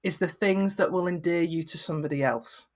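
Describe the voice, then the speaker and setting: Woman, middle-aged, Lancashire accent, very flat vowels, encouraging, conversational coaching. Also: fairly low pitch, a little fast. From Lancashire, northwest England. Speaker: video confidence coach and podcaster. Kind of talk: conversational advice in an interview.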